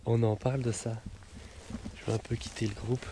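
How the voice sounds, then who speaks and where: Taking pictures outdoors in a foggy forest, this Belgian French-accented man vlogs in a chatty, excited way with frequent laughter. He speaks at a moderate pace in a mid-range, level voice, and the action-camera audio is noisy.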